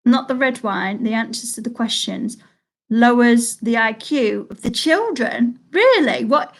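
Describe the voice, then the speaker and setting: Her voice a touch high, expressive and creaky, a quiz host from Salford, England, streams live from home. She chats comfortably between questions and delivers each one slowly, repeating it for those playing.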